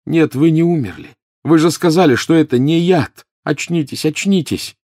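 A man voicing a desperate teenage boy wizard, urging and pleading loudly, in an audiobook. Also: on the high side, moderate pace, no room sound, studio quality, voice pushed up, lightly acted. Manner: urgent, pleading, shouting. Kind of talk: audiobook character voice.

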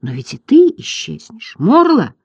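A brave young storybook hero, voiced by a reader presses his case in a raised, urgent voice. He sounds higher and more pleading than the narration. The recording is dry and close. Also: lively intonation, normal speed, a little mellow, breathy edge, no room sound, dull audio. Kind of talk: audiobook character voice.

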